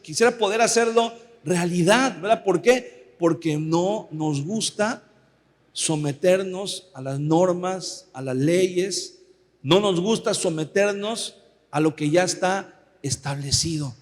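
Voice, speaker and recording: A man's voice: high-pitched, slow pace. Male pastor, raised voice, conversational sermon, long church-hall reverb. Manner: conversational preaching, keeps asking listeners for agreement.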